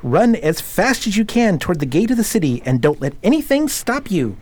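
Husky, a woman acting practical young boy, earnest, animated, audio drama. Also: medium pitch, brisk, no echo.

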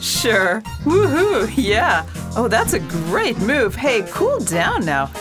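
A woman's voice: a little high, huge pitch swings, takes it slowly, music in the background, heavily acted. Sadie, a flirty bar-room tease played by a woman. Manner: flirty, teasing, loud. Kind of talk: radio play acting.

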